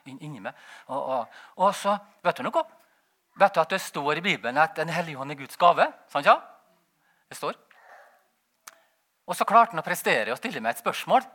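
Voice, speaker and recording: A man giving a rambling, animated personal testimony, laughing as he tells it. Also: a little high, long pauses. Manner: animated, rambling, frequent "vet du" tag; laughs while telling. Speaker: testimony speaker.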